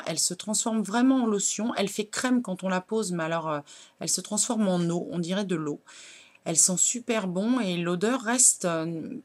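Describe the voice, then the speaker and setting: A woman, chatting casually as a beauty blogger while unboxing nail products, with lots of hesitant fillers. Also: medium pitch. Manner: chatty, many fillers, shows products to camera.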